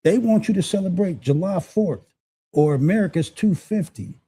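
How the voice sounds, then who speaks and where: A man co-hosting a live talk show speaks emphatically, building up to his points. His voice is somewhat high, with a husky, mellow, darker tone. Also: moderate pace. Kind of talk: casual commentary.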